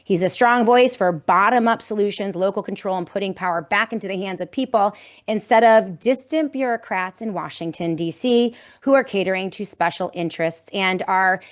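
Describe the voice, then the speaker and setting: A woman hosting a political talk show, speaking in an emphatic, campaigning way. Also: mid-range voice. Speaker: host.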